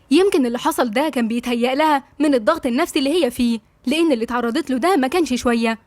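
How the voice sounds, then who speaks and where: Egyptian woman narrating a novel, rapid and steady, close dry recording. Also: sits high, no echo. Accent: Egyptian Arabic. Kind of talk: scripted narration.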